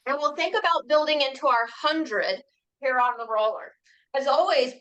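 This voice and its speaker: A woman teaching a Pilates class, cueing movements and breathing in a calm, encouraging way and asking reflective questions. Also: fairly high pitch, poor audio. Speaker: Pilates instructor. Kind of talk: guided exercise class cueing.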